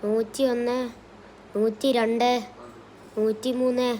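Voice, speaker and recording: A woman's voice: fairly high pitch, flat delivery, takes it slowly, warm tone, slight background noise, rough recording. A woman narrating and voicing a comic gangster game story. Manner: playful, switches between character voices. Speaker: gaming channel narrator voicing characters.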